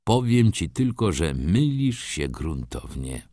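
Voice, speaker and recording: A man voicing a restless middle-aged gentleman who answers in an impatient, abrupt way. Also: deep voice, very animated, slow pace, no room sound, studio quality, exaggerated voice. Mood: steady.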